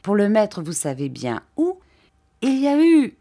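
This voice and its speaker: A woman reading an audiobook, voicing a kindly, simple-minded older gentleman who talks in earnest, halting phrases. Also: medium pitch, wildly swooping pitch, pitched above the performer's own voice.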